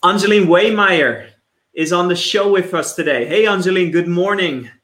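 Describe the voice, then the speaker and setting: An eager male host with a fairly high, bright and edgy voice, often restarting his sentences in his excitement. He is heard in a roomy, echoing space. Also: moderate pace, slight background noise. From immigrant background. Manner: enthusiastic, stumbling restarts. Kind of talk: hosting a live online interview show.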